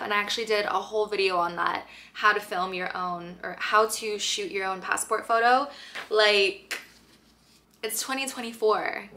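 A woman's voice: medium pitch, bright, forceful tone. A young woman chatting to camera from her bedroom about her monthly favorites, upbeat and full of fillers. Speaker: lifestyle vlogger. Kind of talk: casual chat to camera. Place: bedroom at home, indoors.

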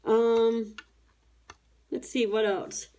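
Speaking very slowly in a slightly high, steady, mellow voice, this diamond painting YouTuber from Tennessee, in her thirties, works on a craft at her table at home. She's chatty and rambling, often correcting herself.

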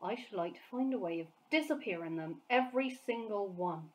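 A gentle, kindly giant, as a woman reading aloud puts him on, pleads and protests in earnest, muddled words. He sounds dignified and warm-hearted, like a figure in a storybook, at an average pitch. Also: lively intonation, a little fast, close to an everyday voice, poor audio.

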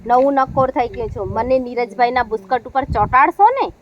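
A small childlike talking pocket from a children's storybook, put on by a woman teacher. It is high-pitched and eager, and it pleads sweetly. The recording is a little dull, with faint hiss behind it. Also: a little fast, natural voice. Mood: cheerful pleading. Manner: pleading then delighted, sobbing at times.

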